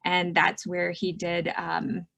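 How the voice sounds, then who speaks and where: Her voice sits on the low side, gravelly and monotone, and she takes a slow pace. A middle-aged doctor from Michigan, USA, she's giving a friendly, casual presentation through a video call mic, warm and chatty with plenty of ums and you-knows.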